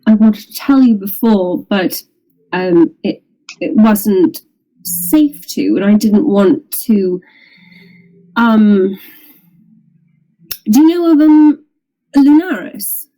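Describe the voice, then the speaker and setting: A young woman playing a tabletop game in character, speaking haltingly with many pauses and ums. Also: medium pitch, expressive, dark tone, low-quality recording. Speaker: player.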